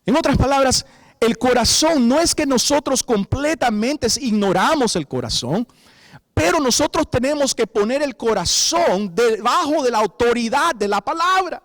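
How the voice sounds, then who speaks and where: A man preaching a sermon as pastor, animated, acting out quoted voices and rising to shouts for emphasis. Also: extremely high pitch, moderate pace, dry recording, studio quality.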